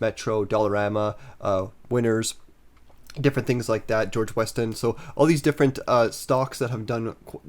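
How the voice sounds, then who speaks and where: A man's voice: mid-range voice, darkish tone. A man hosting a casual investing update, a bit stuffed up from a head cold, talking upbeat and straight to his viewers with plenty of fillers. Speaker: investing channel host.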